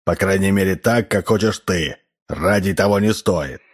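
A man with a low, husky voice reads an audiobook at normal speed. He voices a weary, embittered male station chief who talks bluntly, and the mood is bitter throughout.

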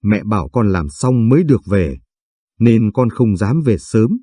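Man doing a scared young wife, crying and begging, husky mellow voice. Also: lowish voice, lively intonation, unhurried, no room sound, studio quality. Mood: timid. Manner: pleading, sobbing, hesitant. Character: timid, tearful young wife, woman.

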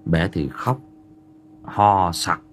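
A livestream host with a Northern Vietnamese accent tells a family story in a casual, rambling way full of filler words. He speaks very slowly in a low voice, with a little hiss or hum in the audio.

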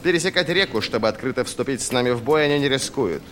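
A man's voice: medium pitch, animated, fast, a bit bright, a little hiss or hum, natural voice. A man voicing a stern, curt older army commander in an audiobook, speaking bluntly and with authority. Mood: commanding.

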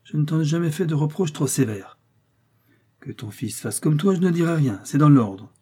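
Man voicing a blunt aristocratic prince, irritated, mocking, loud, mellow husky voice, audiobook. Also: fairly high pitch, animated, moderate pace, voice pushed up. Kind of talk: audiobook reading.

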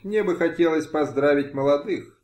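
A man's voice: a little high, normal speed, darkish tone, lightly acted. A man reading an audiobook voices a restrained, grim Cossack leader. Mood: grim resolve. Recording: roomy home recording.

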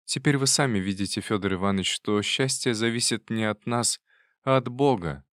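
A man voicing a quiet, dutiful young woman with a soft, earnest, restrained manner. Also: fairly low pitch, moderate pace, no echo, clean studio sound, natural voice.

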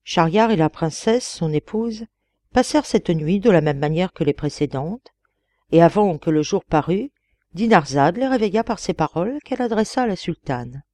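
A woman reading a classic tale aloud as an audiobook narrator, measured and expressive. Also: fairly low pitch, no echo. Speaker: audiobook reader.

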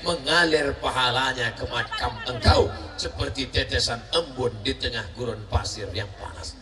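A man preaching a sermon at a large gathering, animated and theatrical, shouting at climaxes and acting out voices. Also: medium pitch, normal speed. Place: large outdoor religious gathering. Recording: echoey, distant, noisy crowd ambience.

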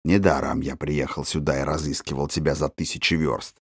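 A man voicing a coarse, menacing male forest tramp in an audiobook, with a rough, hoarse voice and slow, gloating, threatening delivery. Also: very deep voice, level tone, dry recording, studio quality, exaggerated voice. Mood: hissing threat.

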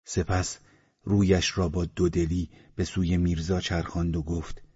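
Brief: male audiobook narrator, very deep and husky, measured reading, muffled sound. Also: level tone, dark tone. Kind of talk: scripted narration. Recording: slightly muffled recording.

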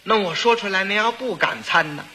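A man's voice: sits high, brisk, bright, forceful tone. A man voicing a scheming court minister who protests in a wheedling, stammering way. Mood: sly.

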